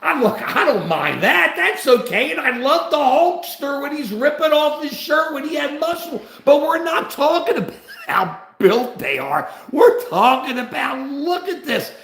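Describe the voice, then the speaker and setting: A man's voice: very high voice, measured pace, creaky, roomy sound. Older man ranting on a livestream. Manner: rambling, repetitive and animated. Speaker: livestream host. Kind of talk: political livestream commentary.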